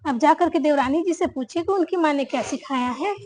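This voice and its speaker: A woman acting an elder daughter-in-law who answers back her mother-in-law with sharp complaints in a family drama. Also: sits high, brisk, natural voice, low-quality recording. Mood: indignant. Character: elder daughter-in-law, married ten years, fed up.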